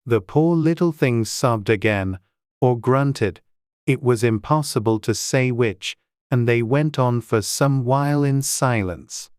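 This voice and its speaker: An audiobook narrator, a woman with an extremely low, darkish voice, reads a scripted storybook at a slow, measured, unhurried pace. The recording is dry with no audible room.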